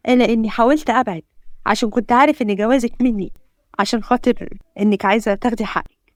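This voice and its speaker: A woman's voice: on the high side, rapid-fire, dry recording, close to an everyday voice. A woman voicing a patient, tender young husband with an Egyptian accent, in a read-aloud story. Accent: Egyptian Arabic.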